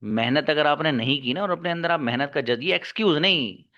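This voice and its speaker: A man's voice: on the high side, fairly quick, bright, forceful tone. A male English teacher lecturing his class, scolding and exhorting his students to work hard. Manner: scolding, exhorting, calls students son and daughter. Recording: dull lo-fi recording.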